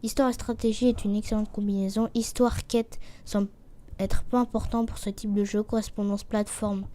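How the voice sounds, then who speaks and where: A woman giving casual commentary while playing a game, reading the on-screen text aloud and muttering to herself, sometimes dropping to a quiet whisper as she thinks. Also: mid-range voice, flat delivery, normal speed. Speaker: let's play gamer.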